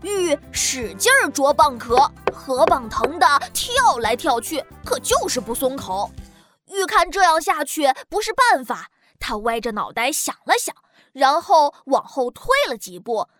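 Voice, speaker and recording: High-voiced woman telling a kids' story. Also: soft background music. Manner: gentle, expressive, slow-paced. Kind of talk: children's story narration.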